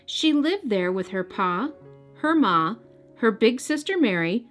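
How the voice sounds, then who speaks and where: A woman hosts and narrates a children's read-aloud with music in the background, speaking expressively and directly to young listeners. Her fairly high voice moves at a measured pace with big pitch swings.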